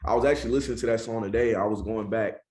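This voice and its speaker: Laid-back young Southern man, low voice. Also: very fast, darkish tone. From Charlotte, North Carolina. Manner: laid-back, constantly adds "you know what I'm saying". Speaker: rapper, interview guest. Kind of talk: casual interview talk.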